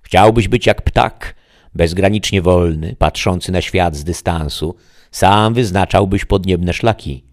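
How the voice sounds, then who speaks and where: A man voicing a calm, all-knowing disembodied voice in an audiobook fairy tale, speaking slowly and solemnly, husky with vocal fry. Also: deep voice, pitched above the performer's own voice.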